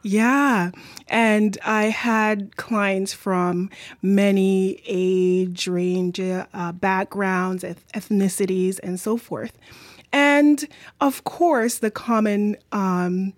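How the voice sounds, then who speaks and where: An unhurried woman speaks with a light Jamaican accent, earnest and thoughtful. She pauses and restarts as she finds her words. The sound is dry and close. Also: medium pitch, steady tone, no room sound. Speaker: community mentor and author. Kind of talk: interview answers.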